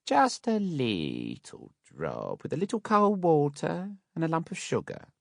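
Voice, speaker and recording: A man puts on a fawning workhouse matron from a classic storybook. She gushes and wheedles in uneducated speech, her pitch lifted and swooping with sugary insincerity. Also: wildly swooping pitch, unhurried, gravelly, no room sound, clean studio sound, full character voice. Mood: coaxing. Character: fawning, two-faced workhouse matron, adult woman.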